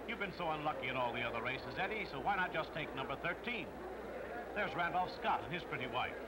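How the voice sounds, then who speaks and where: A man narrating a 1940s newsreel with a brisk, upbeat announcer delivery. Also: a little high, expressive. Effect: old newsreel soundtrack. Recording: noisy 1940s film soundtrack.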